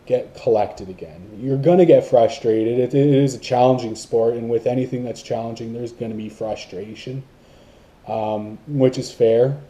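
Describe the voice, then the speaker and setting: Mellow-voiced man rambling about paintball. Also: medium pitch, moderate pace. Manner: rambling, many fillers and restarts. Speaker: paintball vlogger. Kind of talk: casual talk to camera.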